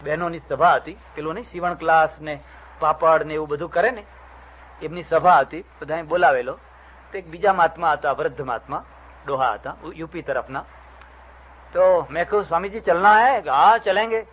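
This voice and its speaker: Older swami telling stories. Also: male voice, fairly high pitch, a little fast. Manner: acts out dialogue in the stories, shifting voice for each character. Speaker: swami giving a religious discourse. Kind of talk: storytelling sermon. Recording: dull lo-fi recording.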